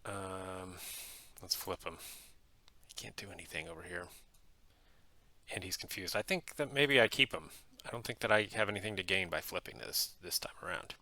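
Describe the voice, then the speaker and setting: A man casually narrating his own card game at home in his basement, thinking aloud with frequent ums and keeping his voice quiet at times. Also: low-pitched. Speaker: host playing a card game.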